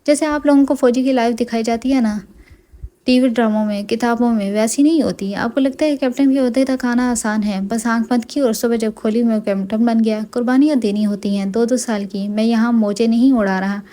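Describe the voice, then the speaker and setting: A woman's voice: on the high side, fairly even intonation, natural voice. Woman reading as a teasing army captain husband. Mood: stern. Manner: affectionate, gently scolding. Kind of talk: audiobook dialogue reading.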